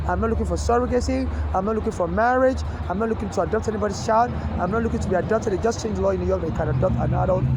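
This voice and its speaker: A man, making a rambling, urgent appeal straight to camera outdoors, stammering and repeating himself as he restarts his sentences. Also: sits high. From Nigeria. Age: 40s. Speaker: street vlogger appealing for donations. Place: outdoors on a city street. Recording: loud street traffic noise outdoors.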